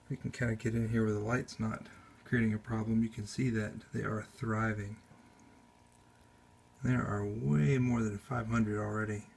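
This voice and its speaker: Male hobbyist, low gravelly voice, loose off-camera vlog commentary, halting and self-correcting, home bedroom on a camera mic. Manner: relaxed, halting, with many restarts and self-corrections. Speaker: aquarium hobbyist. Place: spare upstairs bedroom at home.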